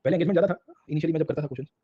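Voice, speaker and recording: A man's voice: a little high, racing, breathy edge, no room sound. A man teaching a casual online history lecture in speech, constantly checking in with "sir, samjhe?". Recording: dull lo-fi sound.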